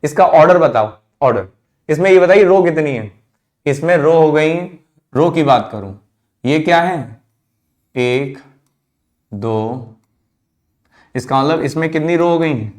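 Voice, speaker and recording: A man's voice: fairly high pitch, animated, takes it slowly, pauses often, darkish tone. A man teaching a math class, who keeps asking the students questions and then answers them himself, repeating the key terms. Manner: calls students "children", drops his voice at answers. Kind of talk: classroom lecture.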